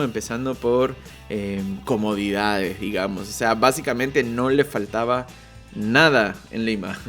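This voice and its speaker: A Peruvian man hosting a casual podcast, talking in a chatty way with many fillers and repeated words. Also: medium pitch. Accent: Peruvian Spanish. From Peru. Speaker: podcast host. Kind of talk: casual podcast intro and interview.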